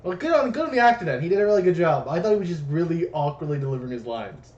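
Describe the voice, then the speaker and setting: A man's voice: fairly high pitch, very animated, racing, darkish tone. Young man rambling in a roomy room. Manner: rambling, self-correcting, apologetic. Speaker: podcast co-host. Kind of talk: casual movie commentary. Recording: roomy, dull lo-fi sound.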